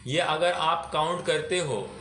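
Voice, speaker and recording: Slow-talking teacher in an echoey room. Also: male voice, a little high, a bit bright, a little hiss or hum. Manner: slow and explanatory, asks listeners questions; mixes English words into his speech. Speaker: religious teacher. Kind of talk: scripture class.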